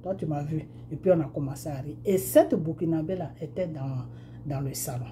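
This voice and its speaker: A middle-aged woman from Côte d'Ivoire speaks with an Ivorian French accent and a very dark, mellow tone. She recounts a personal testimony in a relaxed conversational way, full of fillers and acted-out dialogue. A faint noise sits under her voice. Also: sits low, brisk. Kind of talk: spoken testimony, storytelling.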